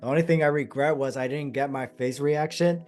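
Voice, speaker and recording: A man hosting a wrestling podcast, chatting excitedly and stressing his points, his voice a bit hoarse. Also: on the high side, a little fast, soft background music. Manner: excited, emphatic, repeats phrases. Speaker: podcast host. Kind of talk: casual podcast chat.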